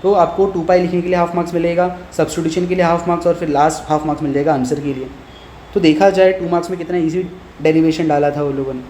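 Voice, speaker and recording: A male physics teacher walking students through an exam paper, reading each question out slowly and then explaining step by step how the marks are given, in a familiar tone. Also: on the high side, steady tone, dark tone. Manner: mixes Hindi and English, addresses students familiarly. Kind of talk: exam paper walkthrough lesson. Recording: roomy echo, faint background noise.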